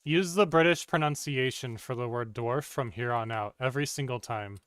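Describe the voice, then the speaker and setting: A man streaming a game, giving calm, patient, terse instructions. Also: mid-range voice, normal speed, smooth, no room sound.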